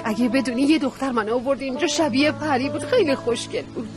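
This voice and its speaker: An actress playing a gentle, soothing mother in a dubbed drama. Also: high voice, over music, natural voice. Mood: calm. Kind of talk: dubbed drama series dialogue.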